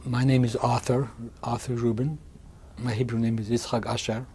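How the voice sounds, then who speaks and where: Older hungarian-born guy, testimony interview, keeps restarting his sentences, low hiss on the tape. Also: little pitch movement, a little mellow. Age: 60s. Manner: halting, with frequent restarts and repeated words. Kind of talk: oral history testimony.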